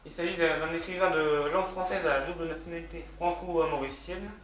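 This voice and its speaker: A man hosting a culture video, giving a hesitant spoken lecture from his notes with a French accent and many pauses and restarts. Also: fairly high pitch, steady tone, fairly bright tone, distant mic. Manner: many hesitations and restarts, reads out web addresses. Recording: very echoey room, voice from off-mic, faint music.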